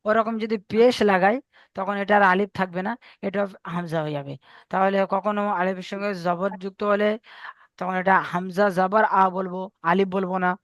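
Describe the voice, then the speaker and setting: A man's voice: high-pitched, fairly even intonation, moderate pace, a bit bright, no room sound. A man teaching Arabic letter reading in an online class, patiently repeating each point and quizzing his students over a video call.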